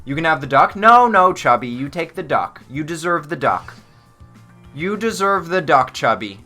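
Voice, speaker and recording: A man's voice: on the high side, big pitch swings, normal speed, bright, forceful tone, faint music behind. A man hosting a casual game livestream, talking to chat in a playful, chatty, goofy way. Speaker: streamer.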